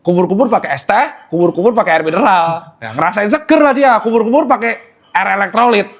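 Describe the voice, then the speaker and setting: A man's voice: sits high, expressive, brisk. A young man, a doctor hosting a casual health Q&A, explaining with jokes and teasing asides.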